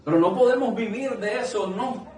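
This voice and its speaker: A man's voice: high voice, moderate pace, a little mellow. A man preaching a sermon to a small congregation, earnest and conversational, asking many rhetorical questions. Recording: echoey room, mic at a distance.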